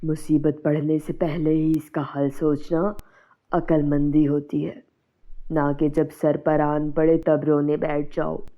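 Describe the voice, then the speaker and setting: A woman's voice: sits low, little pitch movement, slow pace, warm tone. A woman voicing a worried, stern middle-aged village husband in a cartoon, scolding and fretful. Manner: scolding, then wailing in grief. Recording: tinny phone-like sound.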